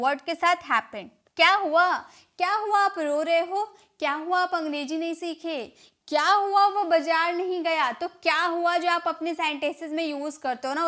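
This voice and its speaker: A woman with an Indian accent teaching spoken English, repeating each phrase slowly and quizzing the listener. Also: high voice, pushed and bright.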